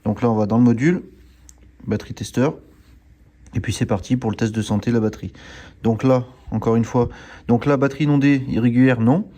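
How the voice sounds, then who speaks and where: This car channel host has a medium-pitched, steady, dark-toned voice and speaks briskly but with long pauses. He demonstrates a diagnostic tool hands-on, explaining it while frequently stumbling over fillers and restarting words.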